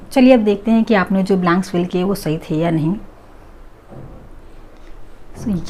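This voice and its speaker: Slow, low-voiced woman teaching grammar. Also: a little mellow, slight background noise. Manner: slow, drawn-out example phrases. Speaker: English teacher. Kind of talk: grammar lesson in Hindi and English.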